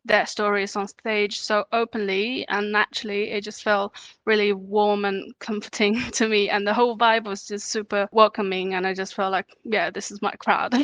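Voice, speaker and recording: A woman from China, a podcast guest answering in a relaxed way with light laughter. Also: mid-range voice, moderate pace, dry recording. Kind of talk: casual interview answers.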